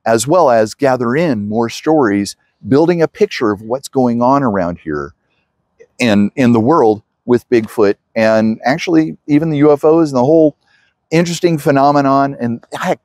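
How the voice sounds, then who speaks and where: A man hosting and interviewing at a convention, in a lively, upbeat way. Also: medium pitch, normal speed, no echo, clean studio sound. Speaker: interviewer and show host. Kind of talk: casual video interview.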